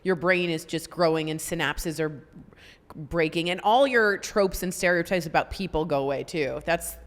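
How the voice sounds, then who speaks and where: A woman co-hosting a podcast, chatty and animated as she talks. Her voice is somewhat low. It echoes with a long reverb in the room. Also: moderate pace. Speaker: podcast co-host. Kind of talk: casual chat.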